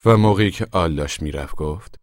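A man reading a novel aloud in calm, measured scripted narration. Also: deep voice, dry recording, clean studio sound. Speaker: audiobook reader.

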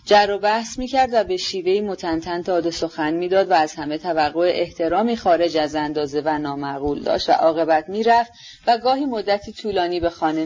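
A narrator reading a novel aloud in a steady, measured audiobook narration. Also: medium pitch, dull audio.

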